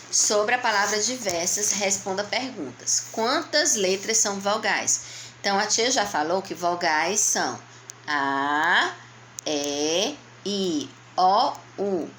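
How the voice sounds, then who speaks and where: A woman with a Brazilian Portuguese accent, a primary school teacher going slowly and patiently through a workbook for young children, asking and answering her own questions. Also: lowish voice, a bit bright, slight background noise. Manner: patient, slow, explaining step by step to young children. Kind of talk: remote lesson walking through a workbook.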